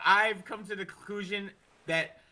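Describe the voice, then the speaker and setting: Over crowd noise, a man with a high-sitting voice hosts a casual hockey fan podcast, speaking steadily and a little slowly. He rants in an exasperated way and swears heavily.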